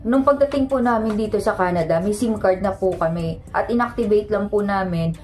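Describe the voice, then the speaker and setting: A woman's voice: mid-range voice, brisk, a little mellow, soft background music. A woman in her forties from the Philippines, co-hosting a vlog and politely giving viewers advice. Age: 40s. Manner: polite, addresses viewers directly. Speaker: vlog co-host. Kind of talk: casual advice vlog chat.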